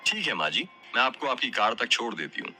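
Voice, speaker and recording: A man's voice: medium pitch, big pitch swings, brisk, pushed and bright, faint music behind. A man voicing a poor but proud young village woman in an audio story, speaking sweetly and politely. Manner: sweet, polite, self-respecting.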